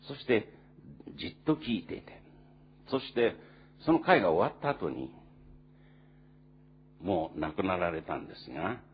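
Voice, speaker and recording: A man preaching a sermon in an earnest, storytelling manner, with many pauses and fillers. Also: sits low, big pitch swings, slightly rough, dull audio. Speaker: pastor.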